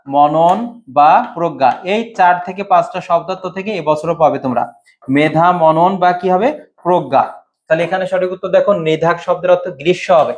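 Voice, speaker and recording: A man's voice: on the high side, a little mellow. A young man teaching an exam-prep lesson as a Bengali lecturer. He quizzes his students, repeats each answer and waits for their replies.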